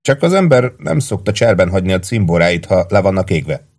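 A man's voice: low voice, very animated, a little mellow, full character voice. A man reading an audiobook, voicing a sulky young male soldier who grumbles defensively. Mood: grumbling.

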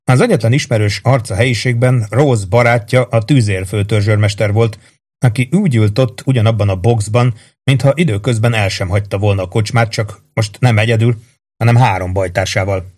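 A man narrating a novel in a steady, even storytelling voice. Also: on the low side. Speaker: audiobook narrator.

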